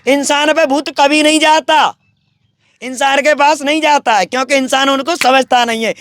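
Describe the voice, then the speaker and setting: Brief: man, very high voice, dry close sound, boastful preachy holy man. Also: steady tone, normal speed, a bit bright, dry recording. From Braj region, India. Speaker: wandering sadhu interviewed. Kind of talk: rambling spiritual talk.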